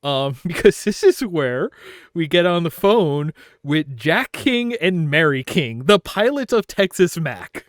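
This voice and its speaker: A chatty man with a fairly high voice, talking through an anime podcast episode and laughing easily between points. His delivery is loose and playful, and the recording is dry and close with no room sound. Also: sing-song, slow pace, dry recording. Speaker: podcast co-host leading the episode discussion. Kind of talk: casual anime podcast chat.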